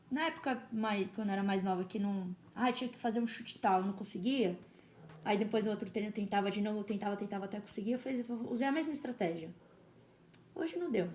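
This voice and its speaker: A woman's voice: on the high side, warm tone. A woman guest on a podcast, telling her story in a reflective, conversational way. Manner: reflective, storytelling with quoted self-talk. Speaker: podcast guest, karate teacher. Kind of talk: casual interview conversation. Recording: roomy echo.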